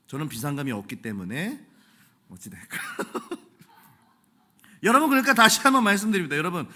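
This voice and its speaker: Animated high-voiced male pastor preaching. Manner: animated, joking, conversational. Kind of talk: sermon. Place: church sanctuary.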